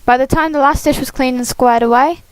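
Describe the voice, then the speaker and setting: A woman hosting a game playthrough, reading a visual novel aloud expressively with casual asides, animated and giggly. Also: sits high, a little fast, clean tone, no echo. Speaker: host of a game playthrough series.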